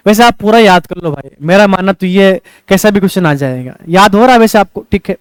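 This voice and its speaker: A man's voice: high voice, expressive, fast talker, clear, resonant tone, no echo. A male coaching teacher, lecturing a class and checking in with rhetorical questions as he teaches memory tricks.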